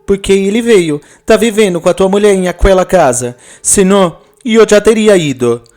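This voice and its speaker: A woman's voice: lively intonation, mellow, lightly acted. Man putting on a fiery Italian mother. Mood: insistent. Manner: high, quick and insistent. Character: anxious Italian immigrant mother, fiery and pleading.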